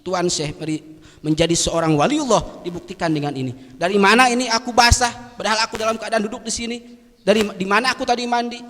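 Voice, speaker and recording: A man's voice: high-pitched, quick pace, a bit bright. A preacher voicing an awestruck, pious male traveler from Egypt, earnest and marveling, in a prayer room with a long hall reverb. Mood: amazed. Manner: earnest, marveling inner monologue.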